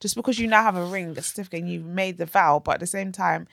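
Creaky-voiced young London woman, slangy. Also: on the low side, fast, fairly bright tone, dry recording, studio quality. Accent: London, urban slang. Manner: slangy, emphatic. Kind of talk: casual gossip and chat.

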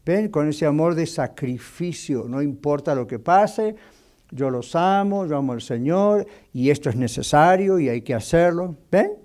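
Pastor with a dark, fairly high voice. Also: male voice, expressive, a little slow. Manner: sprinkles English fillers and keeps asking the class "right?". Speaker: pastor teaching a Bible class. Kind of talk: conversational Bible teaching. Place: church classroom in the United States.

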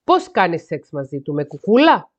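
Lively woman podcast host. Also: lowish voice, highs cut off. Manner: sarcastic asides between read passages. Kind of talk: reading a listener's letter aloud with commentary.

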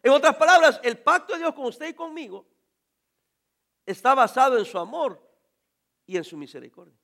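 A male pastor delivering a sermon with a strikingly high voice. He speaks straight to his congregation, firing questions at them and now and then breaking into loud shouts. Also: moderate pace, vocal fry. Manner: animated preaching, addresses congregation directly, sudden shouts.

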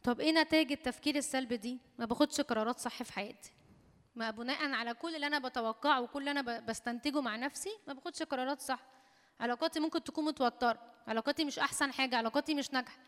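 A woman with an Egyptian Arabic accent preaches in a lively, conversational teaching style. Her voice sits high and her words come quickly. The sound carries a long hall reverb. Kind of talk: sermon.

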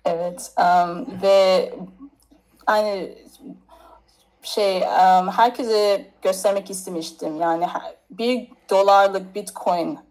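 A woman's voice: medium pitch, steady tone, slow pace, darkish tone, poor audio. Hesitant woman from Nigeria chatting. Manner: hesitant, searching for words in non-native Turkish. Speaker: interview guest. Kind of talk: casual interview chat.

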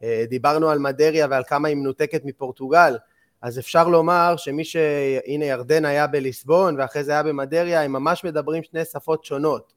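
A man co-hosting a podcast who tells stories in a casual, lively way, with many filler sounds. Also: a little high. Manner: animated storyteller, many "uh" fillers. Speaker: podcast co-host. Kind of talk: casual storytelling chat.

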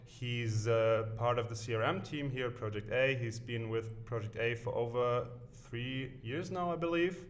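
A man's voice: mid-range voice, normal speed, few pauses. Easygoing male podcast host. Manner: easygoing, asks questions with frequent hesitations. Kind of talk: casual interview hosting.

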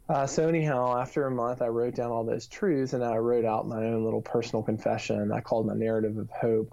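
A man's voice: mid-range voice, creaky, warm tone. A man in his thirties gives an earnest, reflective personal testimony in an interview, with frequent fillers. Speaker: author and youth minister. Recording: dull lo-fi recording.

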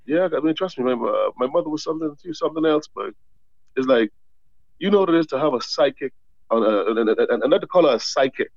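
In a casual interview, a Bahamian man who is a guest author tells animated stories, often repeating words. His voice is medium-pitched, quick and creaky, captured dry with no echo on a lo-fi recording.

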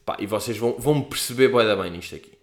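A man's voice: medium pitch, quick pace. A man in his twenties with a European Portuguese accent, casually talking through a solo podcast, slangy and profane, acting out the people he quotes. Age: 20s. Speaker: podcast host. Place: at home. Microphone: podcast microphone.

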